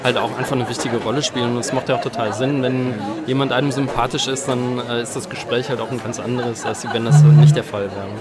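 A man from Eupen in eastern Belgium, a beer shop owner, is a guest in a conversational interview. He speaks hesitantly with lots of fillers and restarts, at a fairly quick pace with hardly any pauses. His voice is medium-pitched and steady, and a loud crowd is audible.

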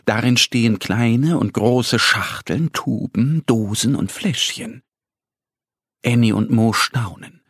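A man narrating a children's story in a slow, expressive storytelling manner, recorded close in a studio. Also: mid-range voice, breathy edge, no echo.

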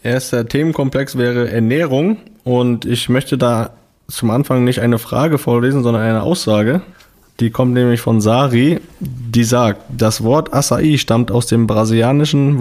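Male podcast co-host, mid-pitched, reads listener mail, dry teasing banter. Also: a little mellow. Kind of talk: casual podcast chat, reading listener questions.

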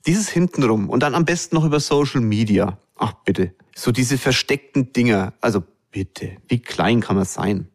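A man's voice: mid-range voice, moderate pace, few pauses. A man hosting a podcast, talking straight to his listeners in a blunt, colloquial monologue. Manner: addresses listeners directly. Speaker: podcast host.

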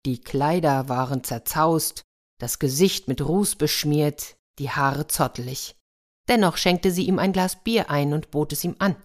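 A woman narrating a fairy tale for an audiobook in a lively way, speaking to her listeners. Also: low voice, a little slow. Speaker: storyteller.

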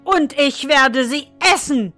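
A proud, hot-tempered duke roars and threatens in a raised, loud voice, as a woman reading the tale puts him on. He sounds high and forceful, with soft music faintly behind. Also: expressive, a little slow. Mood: furious. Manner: shouting threats, blustering.

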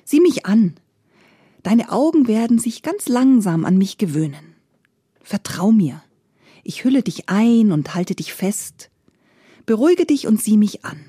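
A woman voicing the Darkness as a gentle female spirit, soft and half-whispered, soothing and tender. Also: medium pitch, lively intonation, moderate pace, few pauses, slightly rough, no echo, studio quality.

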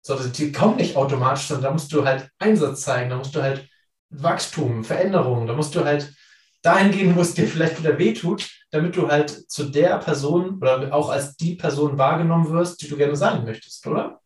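A man's voice: a little high, brisk, distant mic. A man hosting a podcast, coaching his listeners with many casual fillers. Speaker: podcast host. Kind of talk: podcast chat and wrap-up. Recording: roomy sound from off the mic.

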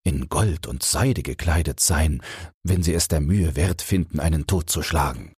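A man's voice: very deep voice, normal speed, darkish tone, slightly rough, no echo, clean studio sound, full character voice. A man voicing a carefree journeyman smith who teases his fearful companion in a fairy-tale audiobook. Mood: teasing, easygoing. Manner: teasing, easygoing.

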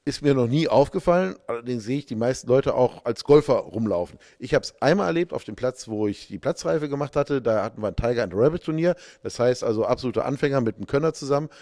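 A man co-hosts a relaxed casual chat. His voice sits at an ordinary pitch, recorded close and dry. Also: fast, few pauses, dry recording. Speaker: podcast co-host.

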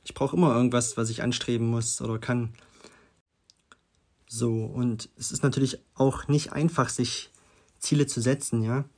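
Young male podcast host, casual self-help chat, mid-pitched, loose and filler-heavy delivery. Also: steady tone, moderate pace, darkish tone. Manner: loose and chatty, many fillers, frequent tag questions.

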